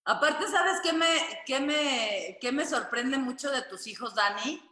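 A woman's voice: high voice, animated, unhurried, sharp tone, reverberant. A woman co-hosting a talk show who chats playfully with the guests. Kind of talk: casual chat.

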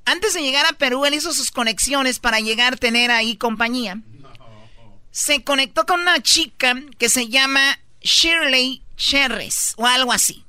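Bright, high-voiced woman host. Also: moderate pace, no room sound. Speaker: podcast host. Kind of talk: casual gossip storytelling.

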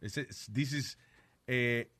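A man's voice: medium pitch, takes it slowly, a bit bright. Wry man switching Spanish and English. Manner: joking, wry. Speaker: radio show host. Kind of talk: casual banter mixing Spanish and English.

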